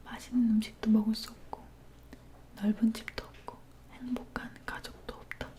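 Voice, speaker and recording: Woman, leaning in to whisper, ASMR story reading, breathy and unvoiced, even intonation, close ear-to-ear mic. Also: fairly high pitch, normal speed. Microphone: close ear-to-ear microphone.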